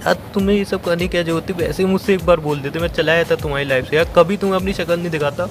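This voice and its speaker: Man host, tearful and pleading on a call, higher voice, music bed underneath. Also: fairly even intonation, very fast. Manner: pleading, accusing. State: crying. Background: background music.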